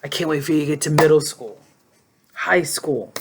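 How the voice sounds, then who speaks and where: A woman in her forties, speaking low at normal speed with a slightly rough voice, vlogs into a phone held in her hand. Her talk is casual, emotional, rambling and reflective.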